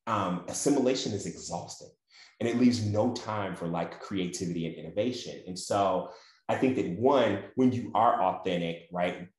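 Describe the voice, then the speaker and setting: A man with a Mississippi Southern accent speaks in a low register. He talks conversationally, like a panelist, punctuating his points with a questioning "right?". The sound is noticeably roomy and echoey. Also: moderate pace. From Mississippi, USA. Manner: often tags points with "right?". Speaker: panel guest.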